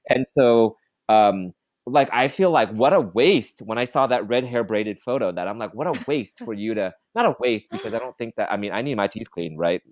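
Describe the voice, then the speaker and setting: Energetic man hosting a podcast, low voice. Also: normal speed, dry recording. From Vietnam. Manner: energetic, enthusiastic, many fillers and restarts. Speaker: podcast host. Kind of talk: casual interview.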